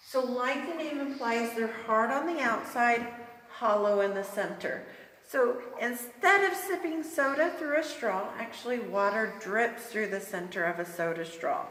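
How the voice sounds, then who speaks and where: A woman's voice: a little high, a bit bright, recorded from a distance. A woman working as a cave tour guide, explaining things informally to a group of visitors inside a large cave. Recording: very echoey cave, long reverb, background noise.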